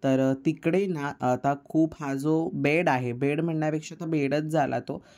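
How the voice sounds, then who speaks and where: A woman's voice: sits low, fairly even intonation, unhurried, darkish tone. A woman home vlogger chatting casually, teasing and cooing at a toddler in playful baby talk.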